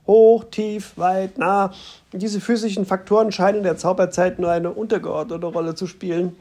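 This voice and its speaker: A narrator voicing a calm, patient man who explains things steadily, in an audiobook reading. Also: medium pitch, normal speed, lightly acted. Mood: explaining.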